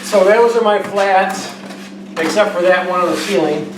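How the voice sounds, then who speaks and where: A man's voice: sits high, moderate pace. A man working as a drywall finisher, talking casually and jokingly while he demonstrates taping in a garage. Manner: joking, rambling storyteller. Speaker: drywall finisher and show host. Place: garage under repair. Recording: echoey garage, distant mic, noisy.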